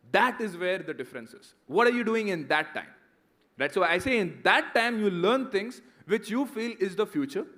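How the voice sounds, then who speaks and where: Chatty Indian man, slightly high voice. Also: a bit bright. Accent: Indian English. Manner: conversational, keeps asking "right?". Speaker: guest speaker answering students. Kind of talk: motivational talk and Q&A.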